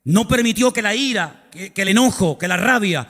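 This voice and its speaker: A man's voice: high voice, lively intonation, normal speed, a bit bright, big-room sound. A male pastor preaching a sermon in a church, telling the story dramatically with emphatic repetitions and asides.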